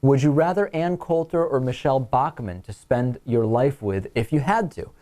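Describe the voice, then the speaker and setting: An American-accented male talk show host delivers commentary at a middle pitch, shifting between listener mail and his own remarks. His tone is warm and his pace moderate.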